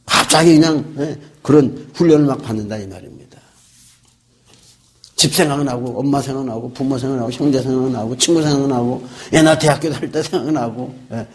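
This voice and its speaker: Korean pastor preaching, call-and-response. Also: male voice, mid-range voice, fairly quick. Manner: asks the congregation questions and answers them himself; repeats key words for emphasis. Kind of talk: sermon.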